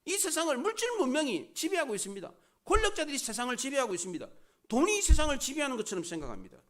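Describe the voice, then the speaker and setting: A man's voice: very high voice, huge pitch swings, very fast, fairly bright tone. A male pastor delivering a sermon, full of rhetorical questions and dramatic rises and drops.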